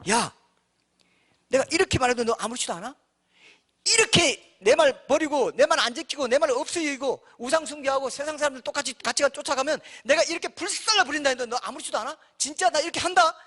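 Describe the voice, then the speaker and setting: A man's voice: extremely high pitch, expressive, fast, bright, forceful tone, pitched above the performer's own voice, exaggerated voice. A man voicing God as an exasperated figure who scolds and threatens in a sermon. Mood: exasperated warning. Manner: scolding, threatening, rhetorical questions. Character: exasperated God issuing stern warnings.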